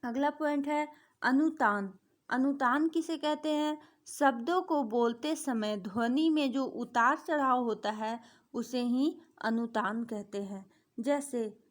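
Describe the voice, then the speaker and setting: Brief: young woman teacher, slow deliberate exam-prep explainer, slightly high voice. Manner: repetitive, asks and answers her own questions. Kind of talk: exam-prep grammar lesson.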